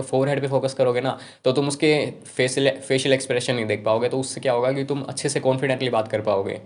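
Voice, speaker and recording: A young man speaks rapidly and informally to the camera, offering casual self-improvement advice. His voice sits at a medium pitch.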